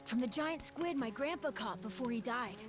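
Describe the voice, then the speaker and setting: Voicing a curious, plucky island child for a video game cutscene, a woman sounds eager and wistful, casual and earnest with a youthful, offhand touch. Her fairly high voice is animated and lightly acted at normal speed, with music clearly behind it.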